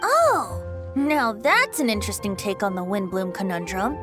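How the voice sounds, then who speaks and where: A woman's voice: medium pitch, expressive, measured pace, natural voice. A woman voicing Venti, a playful young male bard in a video game, with a theatrical, teasing manner. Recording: game music underneath.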